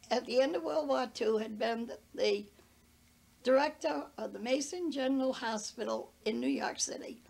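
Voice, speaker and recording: An older woman with a New England accent recounts events in an interview, earnest and anecdotal. Her voice is high, gravelly and breathy. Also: a little mellow. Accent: New England American. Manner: earnest, anecdotal, quotes others in retelling. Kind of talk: casual storytelling in an interview.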